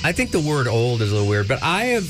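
A middle-aged man with a mid-pitched voice hosts morning radio. He banters casually and gropes for the right word, while guitar music plays clearly behind him. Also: big pitch swings. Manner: halting, searching for words. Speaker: morning radio show host.

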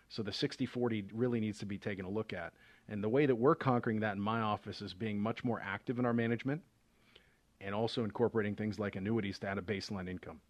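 A man's voice: on the low side, no room sound. A man, a financial advisor hosting a radio show, explains investing in a conversational way, with many fillers and restarts. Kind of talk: casual explanatory radio talk.

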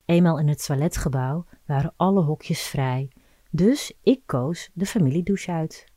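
A woman reading a scripted erotic story aloud in an intimate, measured storytelling manner. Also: deep voice, dark tone, dry recording. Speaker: narrator.

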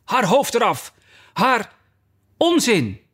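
A man reading a storybook aloud voices a shrill, furious queen who screams orders. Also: fairly quick, lightly acted. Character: shrill furious tyrant queen, older woman.

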